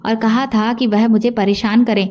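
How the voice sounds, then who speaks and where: A woman narrates a scripted first-person story in a steady, even manner. Her voice sits fairly high. The tone is soft and mellow rather than bright. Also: moderate pace.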